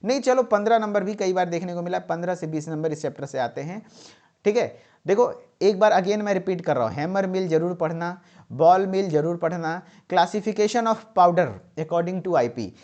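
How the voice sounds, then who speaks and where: A man's voice: high-pitched, moderate pace, a little mellow, muffled recording. A man teaching pharmacy exam tips, repeating key points and checking in with his students often. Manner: repetitive, emphatic, checks in with "ठीक है".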